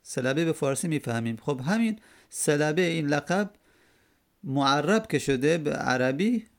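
Speaking with a fairly high pitch and noticeable vocal fry, a religious teacher gives a classroom lecture explaining a hadith text. He takes a quoted Arabic verse apart word by word, repeating the key terms as he goes.

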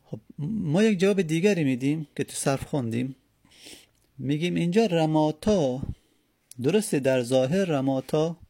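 A man's voice: a little high, dark tone, no echo. A man teaching an Arabic grammar lesson, explaining step by step, spelling out word forms and asking and answering his own questions.

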